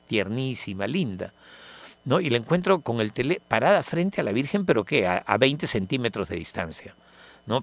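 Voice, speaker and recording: A man's voice: medium pitch, creaky, dry recording. A man on the radio, telling a devotional story in a reflective way and repeating words for emphasis.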